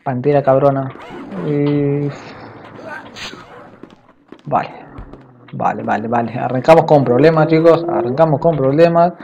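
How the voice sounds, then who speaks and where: A young adult man doing excitable let's play commentary, talking to viewers with frequent exclamations. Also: mid-range voice, a little slow, vocal fry, pauses often. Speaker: gaming youtuber. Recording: slightly dull home mic with faint noise.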